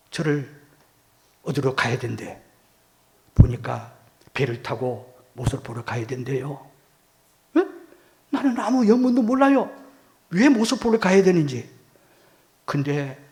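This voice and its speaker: Animated older pastor, high voice. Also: male voice. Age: 70s. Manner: dramatic storyteller, acts out voices. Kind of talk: testimony sermon.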